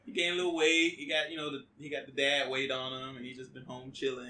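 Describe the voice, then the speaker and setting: A man's voice: medium pitch, level tone, quick pace, pushed and bright. A man co-hosting a casual podcast, easygoing, laughing often and echoing the others' lines. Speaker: podcast co-host. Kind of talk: casual chat. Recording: distant mic with faint noise and room ambience.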